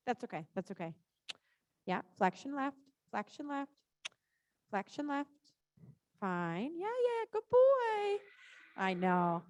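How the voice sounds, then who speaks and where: Female riding coach, high voice, encouraging and informal, short repeated instructions, close dry sound. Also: dry recording. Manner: informal, reassuring. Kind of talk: live coaching during a riding lesson.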